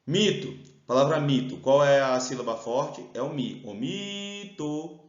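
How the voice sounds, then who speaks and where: Brazilian male teacher in a roomy room. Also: medium pitch. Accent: Brazilian Portuguese. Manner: explains step by step, drawn-out stressed syllables. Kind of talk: exam-prep grammar lesson. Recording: roomy, slightly dull sound.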